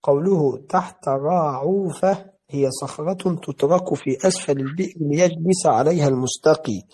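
A man reads from a classical text and explains each term, slow and deliberate, going back over words. His voice sits fairly high for a man, with a mellow, darkened tone. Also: breathy edge. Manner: measured, careful reading with repeated words. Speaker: teacher.

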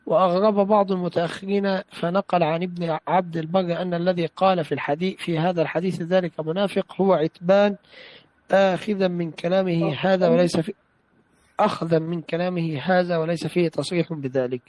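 High-voiced man reading a classical text. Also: steady tone, a little fast, darkish tone, no room sound, poor audio. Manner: careful recitation, repeats phrases after corrections. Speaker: student reading a text aloud to a teacher. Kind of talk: reading classical text aloud in a study session.

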